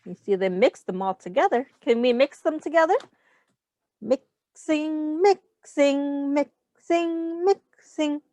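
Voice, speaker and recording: Speaking slowly in a high, mellow voice with no echo, a teacher reads a picture book to young children. She explains simple words, draws attention to rhymes, and asks the kids questions directly as she reads.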